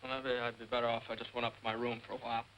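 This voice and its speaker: An actor playing a mild, awkward young nephew, hesitant and polite, in 1940s screwball comedy banter. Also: male voice, mid-range voice, little pitch movement, very fast, a bit bright, close to an everyday voice. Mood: sheepish. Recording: faintly noisy 1940s film soundtrack.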